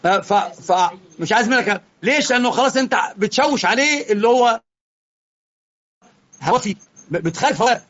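A man with an Egyptian Arabic accent giving a religious lesson, moving between calm explanation and heated rebuke. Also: high-pitched, brisk, pauses often, lo-fi sound. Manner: impassioned, swings from quiet explaining to heated rebuke. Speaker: religious teacher.

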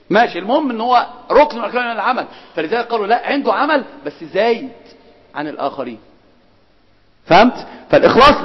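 A man with an Egyptian accent teaching a religious lesson. He quizzes his students and swings between loud and soft speech. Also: high-pitched, slightly rough. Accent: Egyptian Arabic. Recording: dull, hall with long reverb.

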